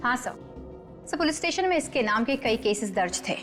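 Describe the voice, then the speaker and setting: An actress playing a businesslike young police officer in a TV crime drama. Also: female voice, a little high, expressive, brisk, a bit bright. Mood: reporting. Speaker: actor in a crime drama series. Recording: music behind the voice.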